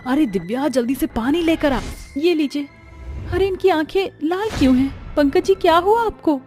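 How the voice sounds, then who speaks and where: A woman's voice: high-pitched, animated, moderate pace, a little mellow, faint music behind, pitched above the performer's own voice. A woman voicing a timid young newly married bride who pleads with her mother-in-law. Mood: worried. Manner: pleading, tearful.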